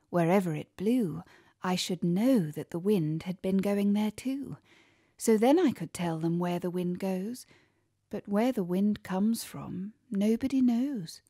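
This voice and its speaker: A woman with an English accent, reading children's poems aloud in a soft, cosy way, sometimes almost whispering. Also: medium pitch, slightly rough, no echo, clean studio sound. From England. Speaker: reader. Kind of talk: storybook poetry reading.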